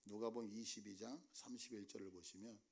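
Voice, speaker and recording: A male pastor preaches a sermon in church, talking fast in a lowish voice with a breathy edge. He's animated and frequently puts questions to the congregation.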